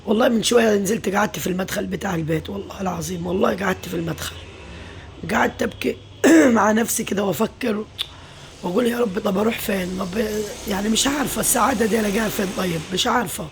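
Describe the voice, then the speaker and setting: A woman's voice: mid-range voice, racing, a little hiss or hum. A middle-aged Egyptian woman, a mother, confiding her worries in a casual vlog, weary and venting, full of pious phrases. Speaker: mother and home vlogger.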